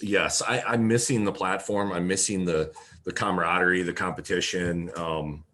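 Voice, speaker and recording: A man's voice: low voice, steady tone, moderate pace, sharp tone, a little hiss or hum. A man from Wisconsin talking in a casual, earnest way as a podcast guest about his sport. He uses lots of "you know" fillers.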